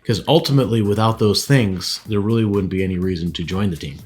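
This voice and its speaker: A man's voice: fairly low pitch, fast talker, darkish tone, soft background music. A man speaking to camera as a real estate team leader, giving practical advice in a conversational way and often checking in with "all right" and "right".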